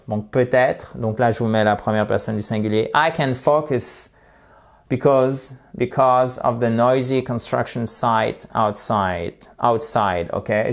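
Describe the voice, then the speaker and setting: Slow, patient male English teacher. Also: mid-range voice. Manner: patient, repeats words slowly, stresses English pronunciation. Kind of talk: vocabulary lesson in French with English examples.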